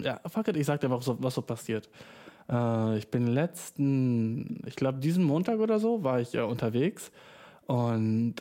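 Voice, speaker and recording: A young man from Germany talks straight into his microphone for a casual solo podcast. His speech is slangy and full of English words, and he bursts into lively, excited stretches. His voice has a mellow, warm, relaxed tone. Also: mid-range voice. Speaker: podcast host. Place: small room, speaking into a microphone.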